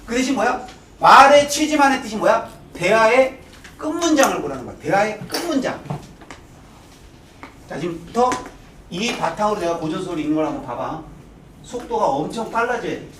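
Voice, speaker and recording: A man's voice: high-pitched, animated, fairly bright tone, slight background noise. A man teaching a class in a blunt, informal way, firing rhetorical questions at his students. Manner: brisk, full of rhetorical questions. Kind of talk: lecture to students. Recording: echoey room, mic far off.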